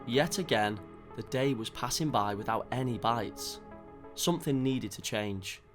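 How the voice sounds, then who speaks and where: A man calmly narrating a fishing trip in a measured, scripted voice-over. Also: medium pitch. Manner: calm, measured storytelling. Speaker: fishing vlogger. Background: background music.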